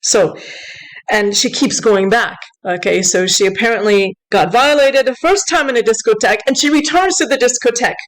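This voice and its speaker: A woman with a fairly high voice delivers unscripted news commentary online at a moderate pace, sounding upset, insistent and corrective. She switches between English and French as she reads aloud, and the recording is rough.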